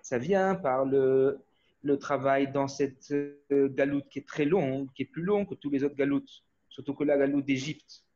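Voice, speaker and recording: A mid-range male voice moves at a normal speed with barely a pause. He's an Australian-born Torah teacher holding an informal class by video call, rambling, restarting frequently, and prompting listeners with "hmm?", all heard through muffled audio.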